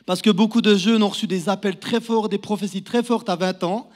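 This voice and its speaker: Man, 30s, Neuchâtel Swiss accent, high-pitched, guest preacher, down-to-earth, friendly. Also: fairly even intonation, a little fast, a little mellow. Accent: Neuchâtel Swiss French. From Neuchâtel, Switzerland. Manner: friendly, down-to-earth, speaks to the crowd with questions. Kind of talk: sermon introduction to a congregation. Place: church hall.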